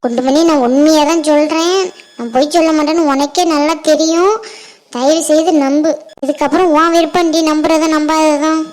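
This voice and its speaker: Woman doing a stubborn cartoon village gossip, high insistent voice. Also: steady tone, moderate pace, darkish tone, natural voice. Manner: insistent, repeating herself.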